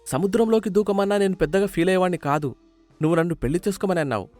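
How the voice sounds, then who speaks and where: A man's voice: high-pitched, racing, darkish tone, no echo, faint music behind, pitched above the performer's own voice, lightly acted. A man voicing a melodramatic young son who weeps at the idea of marriage, with a whiny, tearful manner.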